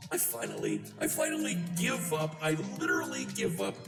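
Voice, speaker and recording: Coding streamer thru a voice changer, pitched way down deep, gravelly, chatty and wry. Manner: chatty, wry and self-deprecating. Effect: deep pitch-shifting voice changer. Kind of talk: casual live-stream chat. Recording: roomy sound with music behind. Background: background music.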